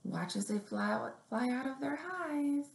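Animated and high-pitched but slow and creaky, a young woman working as a children's librarian runs story time, reading picture books aloud and leading finger plays. She gives simple instructions with measured, deliberate delivery. The sound is roomy and echoing, captured by a webcam or laptop mic at arm's length in a small room at home or an office.

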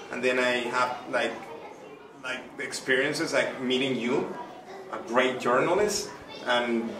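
A middle-aged man from Venezuela, chatting effusively with lots of fillers as a guest answering interview questions. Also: mid-range voice. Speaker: artist interviewed by a child. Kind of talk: casual interview. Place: small indoor room. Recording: echoey room, distant mic, noisy.

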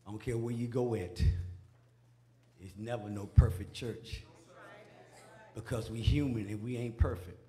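Church speaker, man, folksy exhortation building to shouts, mid-pitch. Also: steady tone, a little slow, pauses often. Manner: call-and-response, folksy, rising to a shout. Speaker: preacher. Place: church sanctuary.

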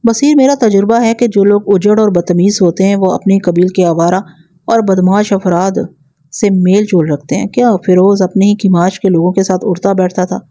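A woman voicing a shrewd male police inspector who questions in a steady, commanding way. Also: mid-range voice, lightly acted. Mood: probing.

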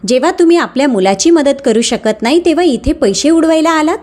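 A woman's voice: high-pitched, lively intonation, brisk, voice pushed up. A woman voicing an arrogant, scornful young daughter-in-law in a narrated story. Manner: scornful, shouting.

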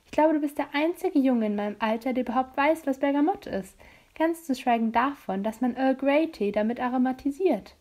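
Snarky 15 year old girl, as a woman reads her, a bit higher than the narrator, quick comebacks, storybook. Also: warm tone. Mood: sarcastic. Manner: sarcastic and quick. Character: sharp-tongued fifteen-year-old girl.

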